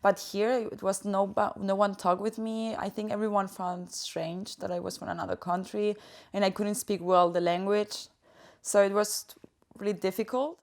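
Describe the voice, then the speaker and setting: A young woman from Spain tells her story as an international student, her voice full of feeling. She restarts often as she searches for the right words, at a middle pitch. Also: steady tone, moderate pace. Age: young adult. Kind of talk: documentary interview.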